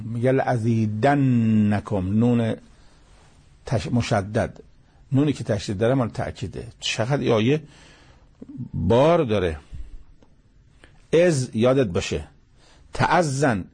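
Guy explaining scripture verse by verse, gravelly mellow voice, keeps repeating the key bits. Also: mid-range voice. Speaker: Quran commentator. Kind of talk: religious commentary lesson.

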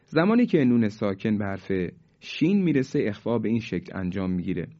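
A man teaching tajweed. He explains each rule quickly, then recites the examples slowly and drawn out. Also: lowish voice, big pitch swings, mellow. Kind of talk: tajweed lesson. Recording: dull lo-fi recording.

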